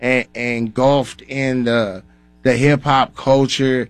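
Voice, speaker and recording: A man's voice: mid-range voice, steady tone, slow pace, clear, resonant tone, no room sound. A male rapper in his thirties, a radio guest from Minnesota, talking casually and laid-back with lots of slang. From Minnesota, grew up in Atlanta. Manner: laid-back, slangy, says "you know what I'm saying" often. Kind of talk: casual interview.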